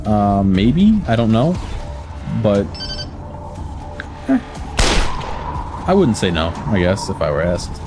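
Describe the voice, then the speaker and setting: An American man with a slight lisp streams a video game, chatting casually and answering viewers with plenty of hesitant fillers. His lowish voice is very animated, slow, and full of pauses, with game music playing in the background.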